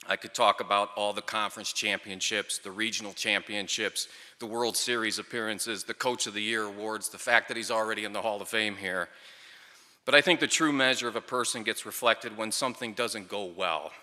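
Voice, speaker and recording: A middle-aged man delivers a tribute speech as a wry storyteller. His voice is fairly low and strikingly bright and forceful. He speaks at a microphone in a big hall with long, ringing reverb. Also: fairly even intonation, a little fast. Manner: wry, storytelling with dry humour. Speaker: speaker at a ceremony, former player and coach. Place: large hall or venue, speaking to an audience at a microphone.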